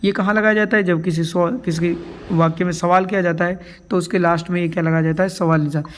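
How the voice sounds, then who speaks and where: A man's voice: high voice, steady tone, fast, slight background noise. A man teaches grammar for an exam. He explains while writing on a board, and keeps asking his students questions that he answers himself. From India. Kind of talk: exam-prep grammar lesson.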